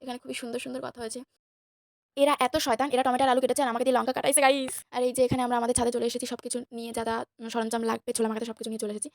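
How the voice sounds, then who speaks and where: A young woman with a Bengali accent, slightly hoarse, chatting and teasing her friends as she narrates a casual vlog to viewers. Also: fairly high pitch, level tone, rapid-fire, dry recording, studio quality. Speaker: vlogger.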